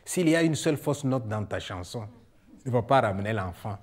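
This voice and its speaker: A man voicing a wise old village man who gives calm, patient advice. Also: medium pitch, brisk, voice pushed down, natural voice. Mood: advising.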